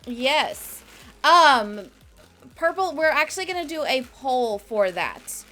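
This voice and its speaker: High-voiced chatty woman streamer. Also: sing-song, slow, sharp tone, faint music behind. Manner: chatty, many fillers, coos at her dog. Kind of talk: casual livestream chat.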